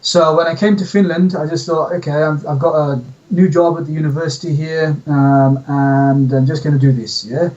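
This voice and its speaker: A man from the UK, telling his story as an interview guest in a relaxed way. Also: on the high side, normal speed, few pauses, recorded from a distance, lo-fi sound. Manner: relaxed storytelling, says "yeah?". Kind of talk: casual interview.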